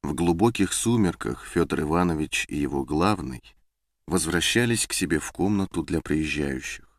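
A man narrating an audiobook in a subdued, measured way. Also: extremely low pitch, lively intonation, no room sound, clean studio sound. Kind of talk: scripted narration.

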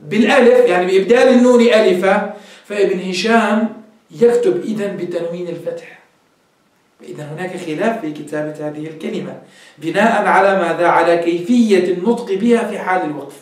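High-voiced man lecturing in an echoey classroom. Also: brisk. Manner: explains step by step, quizzing students with questions. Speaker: teacher of Arabic grammar. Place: classroom with a board. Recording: very echoey room, mic far off.

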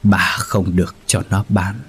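A man voicing the ghost of an old husband, speaking slowly and gravely. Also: low voice, flat delivery, full character voice. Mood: solemn.

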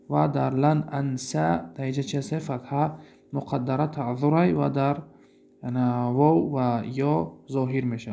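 Gravelly, mellow Tajik-accented male teacher. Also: a little high. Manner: explains step by step, asks and answers his own questions. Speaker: Arabic grammar teacher. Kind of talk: recorded lecture.

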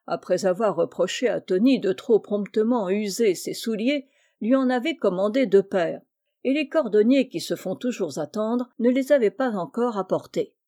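Female audiobook narrator, mellow tone, expressive storytelling. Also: medium pitch, normal speed. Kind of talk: audiobook reading of a classic children's story.

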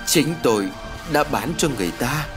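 A man's voice: medium pitch, expressive, over music, natural voice. A man voicing a guilt-ridden old father. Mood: remorseful. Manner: trembling, halting confession.

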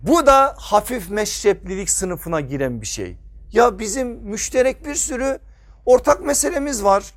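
High-voiced man preaching at a pulpit microphone. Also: big pitch swings, normal speed. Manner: emphatic, answers his own rhetorical questions. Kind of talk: sermon.

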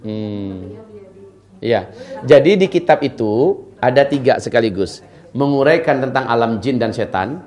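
Middle-aged man, informal preacher, chatty, talks to the audience, mid-pitched voice. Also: animated, measured pace, darkish tone. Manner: chatty, addresses women in the audience directly. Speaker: Islamic preacher. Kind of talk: informal religious lecture with audience questions.

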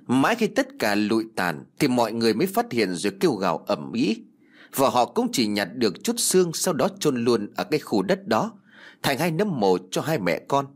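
Husky man telling a ghost story. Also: medium pitch, wildly swooping pitch, normal speed. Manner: dramatic storytelling.

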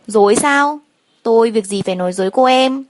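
A woman's voice: a little high, a little fast, no room sound, close to an everyday voice. A woman reading as a sneering gangster man. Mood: taunting. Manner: taunting, condescending. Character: sneering male gangster kidnapper, mocking.

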